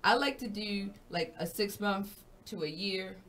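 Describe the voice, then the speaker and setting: A woman's voice: medium pitch, a little slow, fairly bright tone. A woman hosting a radio talk show, chatting frankly and swearing casually.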